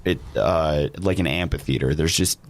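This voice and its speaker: A man's voice: extremely low pitch, moderate pace. A man co-hosting a podcast, telling stories animatedly with lots of "like" fillers. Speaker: podcast co-host. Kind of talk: casual storytelling chat.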